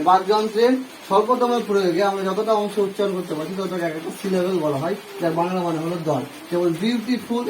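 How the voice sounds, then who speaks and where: A man's voice: high voice, a little hiss or hum, poor audio. A man with a Bengali accent teaching an English grammar lesson, explaining step by step and asking and answering his own questions.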